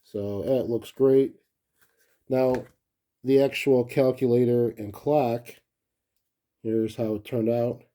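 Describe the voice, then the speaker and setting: Slow and steady, with frequent pauses, a warm mid-range male voice carries this collector's gadget review. He speaks informally, thinking aloud in an unhurried, unscripted way while showing the device.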